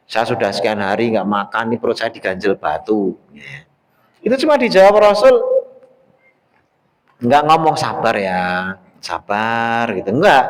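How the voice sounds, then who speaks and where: Lively male preacher in a reverberant hall. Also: mid-range voice. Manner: lively storytelling, acts out quoted voices. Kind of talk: religious study lecture. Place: mosque study hall.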